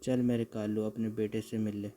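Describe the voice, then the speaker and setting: A man voicing a clever, sharp-tongued village woman in an animated comic, talking in a bossy, scolding way. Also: lowish voice, normal speed, slight background noise, natural voice. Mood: sweet-talking.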